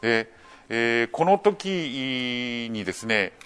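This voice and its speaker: A man giving a public lecture, explaining in a measured way with many fillers and rhetorical questions to the audience. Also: medium pitch, animated, fairly bright tone, clear, resonant tone. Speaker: lecturer on archaeology.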